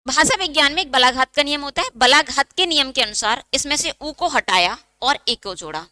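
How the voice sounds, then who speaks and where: Woman teacher, exam-prep lecture, high voice, dry close sound, quizzes the class. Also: animated, fairly quick, sharp tone, no room sound. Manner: asks students questions and answers them herself; dictates note points. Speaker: Hindi teacher.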